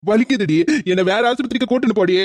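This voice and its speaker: Cartoon role: a man playing a whiny, groaning drunk husband, fast and high. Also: fairly even intonation, a bit bright, dry recording. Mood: groaning, pleading. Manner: wailing, whining complaints. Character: drunk middle-aged village husband in pain.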